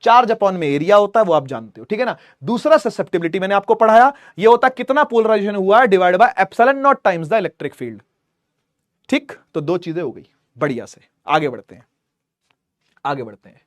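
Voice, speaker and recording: A man teaching physics in a lively lecture, with a tinge, acting out little scenes in funny voices to make his points. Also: sits high, brisk, dry recording, clean studio sound. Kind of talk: animated classroom lecture.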